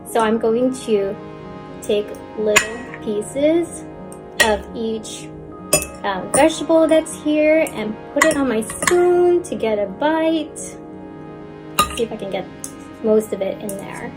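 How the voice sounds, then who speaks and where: Over loud music, a cooking channel host speaks slowly, her slightly high voice full of lively intonation. She is a young Filipino-American woman from the Philippines, a native Tagalog speaker, cheerfully guiding viewers step by step through a dish.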